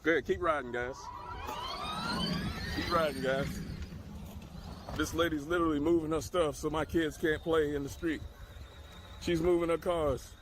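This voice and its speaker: A man's voice: fairly high pitch, steady tone, moderate pace, pauses often, noisy background. A father calling out a neighbor while filming outdoors on a street. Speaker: parent. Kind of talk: filming and narrating an incident. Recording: distant outdoor phone audio.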